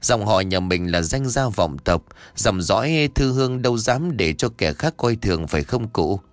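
A man voicing a cheeky, flattering young male ghost who talks politely and pleadingly to an elder. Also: lowish voice, normal speed, no room sound, lightly acted. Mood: fawning.

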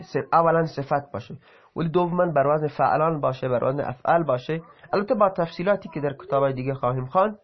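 A man teaching an Arabic grammar lesson, reading example sentences aloud and then explaining them, sometimes breaking off to correct himself. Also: a little high. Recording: dull lo-fi recording.

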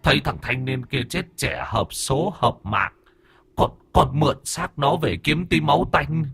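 A groveling hungry ghost from an audio ghost story, put on by a man narrator, whining its pleas in a husky, breathy voice. The words drag slowly and sit well above his usual pitch. The sound is dry and close. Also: fairly bright tone, dry recording, full character voice. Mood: begging. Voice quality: husky, breathy, drawn-out wailing.

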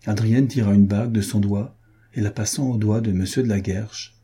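A man narrating a historical novel as an audiobook, measured and steady. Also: lowish voice, slightly rough.

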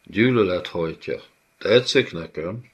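A man's voice: sits low, natural voice. A man playing a thundering, cruel giant overlord. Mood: cruel pleasure. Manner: thundering, contemptuous. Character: hateful giant male overlord, cruel and scornful.

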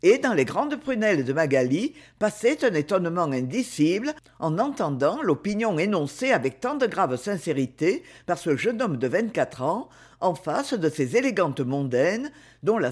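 A man reading a classic novel aloud in a measured literary way. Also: high voice. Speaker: audiobook reader. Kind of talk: novel narration.

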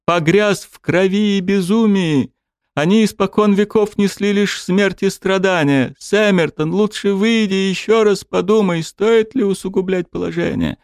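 A man voicing a grave, stern king who speaks slowly and solemnly, admonishing. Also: high-pitched, a little mellow, dry recording, studio quality, voice pushed up. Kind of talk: audiobook character voice.

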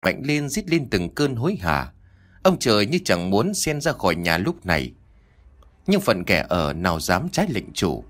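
A man's voice: on the low side, big pitch swings, moderate pace, a bit bright. A man narrating an audiobook story with a dramatic storytelling delivery.

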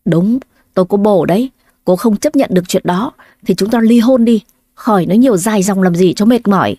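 A woman's voice: medium pitch, fairly quick, mellow, no echo, close to an everyday voice. Woman reading as a scornful cheating husband. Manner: cold, scornful. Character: callous drunk young husband, contemptuous.

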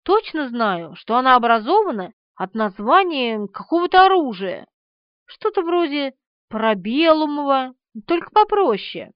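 A woman's voice: sits high, big pitch swings, a little slow, no echo. A woman voicing a forgetful young man who mumbles and hesitates over a phone line. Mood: mumbling. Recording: dull lo-fi audiobook recording.

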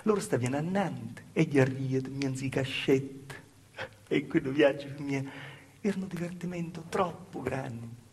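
A male stage actor with a Calabrian accent plays a plaintive, naive southern peasant woman recalling a hard childhood. The intimate dialect monologue is halting and repetitive, delivered in a husky, darkish, mid-range voice with a mood of wistful wonder.

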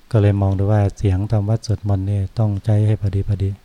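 An older male monk speaks slowly and reflectively, as if teaching a small gathering. His voice is low and very dark. His pitch stays level and even. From Thailand. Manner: unhurried, reflective, often ends phrases with a soft "na". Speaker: Buddhist monk giving a Dhamma talk. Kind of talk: informal Dhamma talk.

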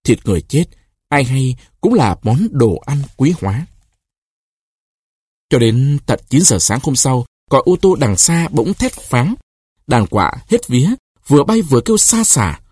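Guy narrating a short story, husky voice, dry close sound. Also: mid-range voice, no room sound. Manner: expressive, deliberate reading.

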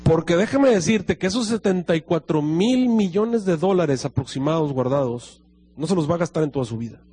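A man preaches a sermon to a congregation, telling a personal story and voicing each person in it. His voice sits a little high and has a husky edge. He moves between plain explanation and lively acted dialogue. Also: brisk. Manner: storytelling, acting out dialogue with lively pitch swings.

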